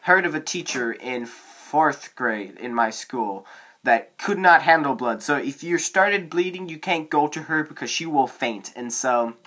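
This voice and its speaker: A man's voice: fairly high pitch, expressive, unhurried, a bit bright. A teenage boy vlogging casual advice to a phone camera, rambling and digressive with lots of fillers, his voice cracking now and then.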